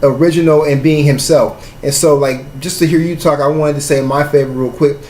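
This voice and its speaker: A man from the Pacific Northwest with a slightly high voice hosts a casual interview. He speaks in a slangy, roundabout way. The room echoes noticeably and there is faint noise. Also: fairly even intonation, brisk, a little mellow. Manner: slangy, discursive, often says "you know what I mean". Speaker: podcast host, interviewer. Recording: roomy echo, faint background noise.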